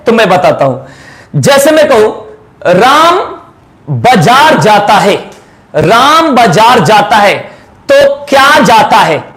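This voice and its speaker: Man, very high voice, grammar teacher, quizzes students, repeats answers, slow examples. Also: fairly bright tone. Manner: repeats key answers as quiz questions to students; spells out example sentences slowly. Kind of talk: exam-prep grammar lesson.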